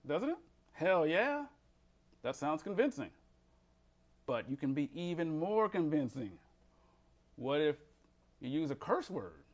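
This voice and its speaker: A man, a behavior change counselor, giving a motivational self-help talk that swings between emphatic, animated delivery and a slow, low, calm voice.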